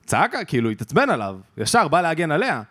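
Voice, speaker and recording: A young man co-hosting a podcast, telling a story in casual chat and acting out the people in it. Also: fairly high pitch. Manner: animated storyteller, acts out quotes. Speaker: podcast co-host.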